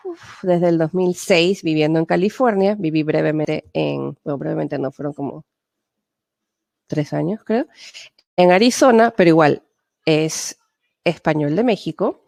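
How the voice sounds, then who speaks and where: A woman's voice: low voice, measured pace, creaky, long pauses, darkish tone, dry recording. A woman from Peru with a Peruvian Spanish accent, giving a webinar lecture on interpreting in a conversational way, full of fillers and tag questions. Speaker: medical interpreter and webinar speaker.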